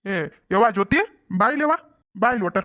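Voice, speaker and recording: A gruff old father-in-law, much lower voice, scolding, cartoon. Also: lively intonation, quick pace, sharp tone. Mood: coaxing.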